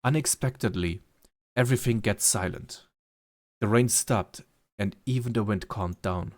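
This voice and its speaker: A man's voice: on the low side, measured pace, dry recording, studio quality. A man playing through a visual novel, reading its lines aloud with feeling and breaking off for his own asides. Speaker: let's play gamer. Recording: music playing clearly behind.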